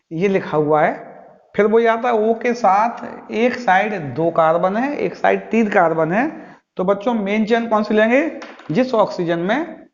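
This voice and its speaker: A male chemistry teacher giving a classroom lecture, asking his students questions and answering them himself in a patient, drilling way. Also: high voice. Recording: echoey, dull lo-fi recording.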